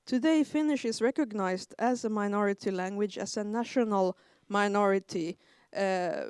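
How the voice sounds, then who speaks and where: A woman in her forties, raised in Sweden, speaking as a historian on an academic panel in a measured way with frequent hesitations. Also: mid-range voice, darkish tone, clear, resonant tone, dry recording, studio quality. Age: 40s.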